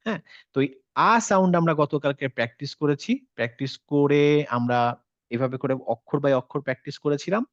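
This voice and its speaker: Male tajweed teacher, slightly high voice, methodical lesson delivery, dry muffled recording. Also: expressive, no echo. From Bangladesh. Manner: explains slowly, mixes English words into Bengali, models sounds. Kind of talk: online class lesson.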